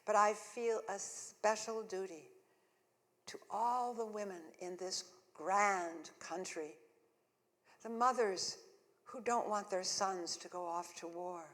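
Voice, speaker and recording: A solo performer in a church hall gives voice to a feisty suffragist in her thirties, telling her story in first person with earnest humor and a wry edge. The voice is mid-range and a touch bright, wrapped in long church reverb.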